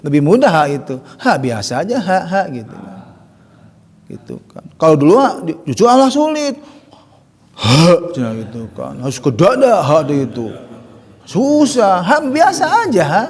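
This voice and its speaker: High-voiced male Quran teacher, long reverb. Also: huge pitch swings, a little slow, a little mellow, slightly rough. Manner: drills letter sounds in chanted syllables. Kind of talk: Quran recitation lesson.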